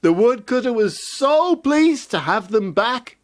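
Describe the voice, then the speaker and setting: Playful high-voiced male storyteller. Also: sing-song, measured pace, no echo. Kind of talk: playful children's story reading.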